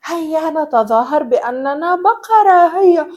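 A young woman teaching small children in an animated, sing-song way, imitating animal sounds. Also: high voice, normal speed. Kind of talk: children's educational lesson.

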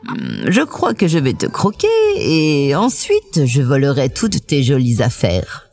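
A woman voicing a greedy, gullible big bad wolf in a children's storybook reading, with a growly, drawn-out grumble. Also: a bass voice, wildly swooping pitch, a little mellow, voice pushed down, heavily acted.

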